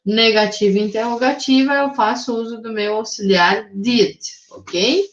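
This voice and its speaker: A Brazilian woman teaching an English grammar lesson to her class, reading example sentences slowly and checking in with "tá?" and "né?". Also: fairly high pitch. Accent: Brazilian Portuguese. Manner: explains slowly, reads English examples very slowly, adds "tá?" and "né?". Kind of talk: recorded remote class lesson. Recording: echoey room, dull lo-fi audio.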